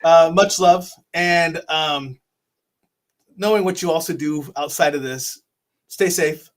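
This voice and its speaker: A man with a fairly high voice takes his time as he wraps up an interview on his online talk show. Warm-hearted and casual, he offers friendly thanks, often repeats words, and calls his guest "brother."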